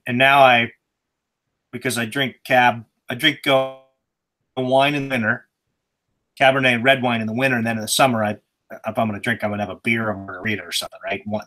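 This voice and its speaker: Bright-voiced joking dad on a video call. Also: male voice, medium pitch. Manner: joking, rambling explanations. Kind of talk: casual chat.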